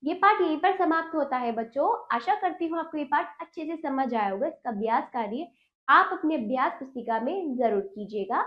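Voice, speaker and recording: A woman teacher leads a Hindi lesson for children, reading slowly in a sing-song manner and asking the class prompting questions. Her voice is high-pitched and expressive, and the recording's highs are cut off.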